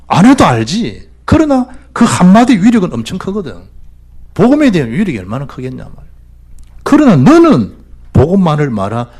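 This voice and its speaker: Animated Gyeongsang pastor preaching. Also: male voice, mid-range voice. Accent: Gyeongsang Korean. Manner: animated, swings between loud exhortation and hushed asides. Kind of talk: sermon. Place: church.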